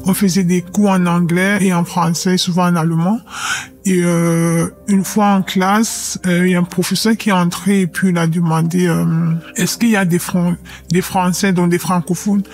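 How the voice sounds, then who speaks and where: A young woman from Cameroon, giving a measured, reflective personal testimony with hesitant pauses. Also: on the low side, level tone, darkish tone, soft background music. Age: young adult. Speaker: anonymous witness.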